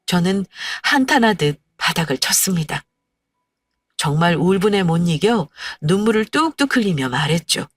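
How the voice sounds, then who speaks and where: A woman's voice: on the low side, very animated, moderate pace, breathy edge, dry recording. Woman telling a heartfelt first-person story. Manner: heartfelt, tearful retelling. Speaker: story narrator. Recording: distant mic, dry sound, faint music.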